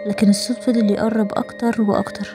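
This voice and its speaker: A woman with an Egyptian Arabic accent narrating a scripted horror story in a brisk, dramatic way. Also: on the high side, level tone. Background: background music.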